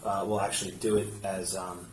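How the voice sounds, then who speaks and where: A man's voice: deep voice, level tone, a little fast. A man working as a police officer, casually walking a colleague through a task step by step and often checking with "right?". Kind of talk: casual hands-on instruction. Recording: roomy, noisy, distant body camera pickup.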